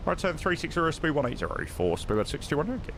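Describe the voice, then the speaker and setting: A man's voice: a little high, very animated, fast talker, background noise. A man chatting casually as a flight sim streamer, switching into pilot readbacks. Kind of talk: casual chat mixed with radio readbacks.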